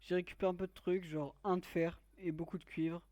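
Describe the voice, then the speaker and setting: A man's voice: high voice, flat delivery, fairly quick, darkish tone, dry recording. A man giving let's play commentary, joking crudely and teasing his viewers. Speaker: gaming YouTuber.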